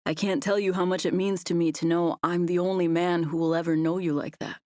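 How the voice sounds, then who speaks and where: A woman voicing a tender, playful young man in love, speaking gently and earnestly. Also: fairly low pitch, steady tone, fairly quick, dry recording, studio quality, lightly acted.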